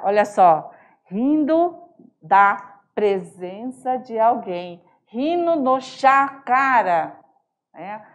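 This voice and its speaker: A woman teacher giving an online high school lesson, explaining example words and often checking in with her students. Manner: explanatory, keeps asking "né?" and drawls example words.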